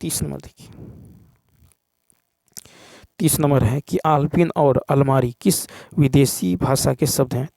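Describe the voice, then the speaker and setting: A male teacher with a gravelly, dark voice walks through exam questions one at a time. He repeats each key point and keeps checking in with his viewers. The sound is dry and close, with no room echo. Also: medium pitch. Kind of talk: exam answer walkthrough.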